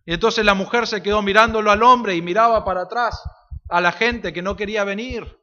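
A man's voice: sits high, brisk, pushed and bright. Male preacher, earnest sermon storyteller, long hall reverb, dull sound.

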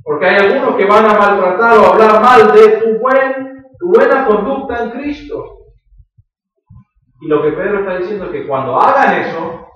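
A man's voice: sits high, a bit bright. A man with a Rioplatense accent, preaching a sermon as a pastor in an earnest, explanatory way with emphatic rises. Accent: Rioplatense Spanish. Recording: echoey hall, distant, dull sound.

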